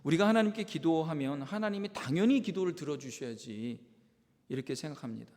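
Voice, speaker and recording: A male pastor preaching a sermon, moving between quiet reflective asides and loud, impassioned cries. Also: fairly high pitch, lively intonation, fairly quick. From South Korea. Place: church sanctuary. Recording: long hall reverb in a church.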